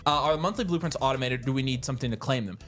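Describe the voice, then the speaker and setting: A man co-hosting a casual livestream, chatting excitably with quick asides and frequent restarts. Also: medium pitch, faint music behind. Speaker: livestream co-host.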